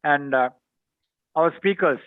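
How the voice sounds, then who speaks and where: A man giving a halting, deferential semi-formal speech of thanks over an online call. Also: on the high side, clear, resonant tone, no room sound. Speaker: doctor giving a vote of thanks. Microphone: video call. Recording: tinny, phone-like online call audio.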